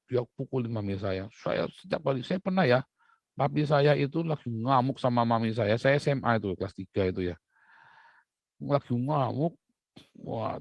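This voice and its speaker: Man preaching with animated storytelling. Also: mid-range voice, no echo. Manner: animated storytelling, rising loud when recounting fights. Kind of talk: sermon with personal stories.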